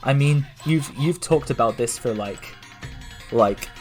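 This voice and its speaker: A man's voice: mid-range voice, measured pace, faint music behind. A man hosting a casual livestream interview, talking in a rambling way with lots of restarts. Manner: rambling, many fillers and restarts. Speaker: streamer host.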